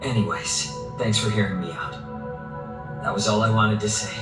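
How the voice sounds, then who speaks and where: A young man with a fairly low voice, performed by a male game actor. He comes across as earnest, protective and determined, speaking with sincere resolve. He sounds slightly distant in an echoey space, with music clearly behind him. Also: fairly even intonation, moderate pace, lightly acted. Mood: easygoing. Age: young adult. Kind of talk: video game voice acting.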